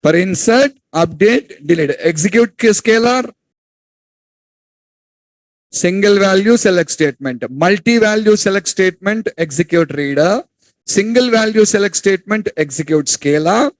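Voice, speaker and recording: A man teaching a class, repeating points, quizzing students and scolding them to speak louder. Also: high voice, animated, a little slow, dry recording, poor audio. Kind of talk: classroom lecture.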